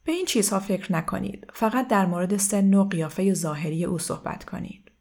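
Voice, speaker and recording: A woman reading aloud and voicing a calm middle-aged male doctor who speaks in a measured, gently insistent way. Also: medium pitch, natural voice.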